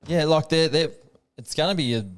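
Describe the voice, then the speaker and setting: A man's voice: a little high, normal speed, clean tone. An Australian man in his thirties, a rugby league player hosting a podcast, chatting casually about rugby in a laid-back way. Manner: laid-back, chatty, says "um" and "mate" often.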